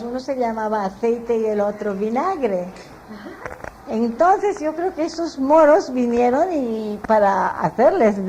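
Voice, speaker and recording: Mellow older Filipino Spanish woman. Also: fairly high pitch, slight background noise, low-quality recording. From Philippines. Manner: chatty, meandering, often laughing at herself. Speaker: interviewee. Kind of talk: relaxed storytelling recollection.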